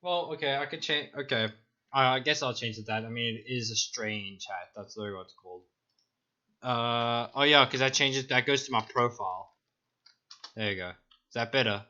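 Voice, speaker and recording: A man's voice: medium pitch, moderate pace, sharp tone, muffled recording. A young man narrating as dungeon master on a stream, talking in a loose, rambling, self-mocking way. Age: young adult. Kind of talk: narrating a tabletop game on stream.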